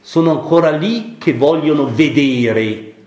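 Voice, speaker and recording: A man's voice: on the high side, unhurried, a little mellow. A man preaching a sermon, commenting on a Bible passage in a reflective way, repeating key phrases and asking rhetorical questions. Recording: echoey room.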